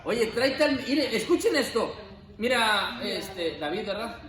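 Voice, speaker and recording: A man teaching a Bible class, lively and joking, often asking the class questions. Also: high-pitched, unhurried. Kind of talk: classroom lecture. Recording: echoey classroom, faint room noise.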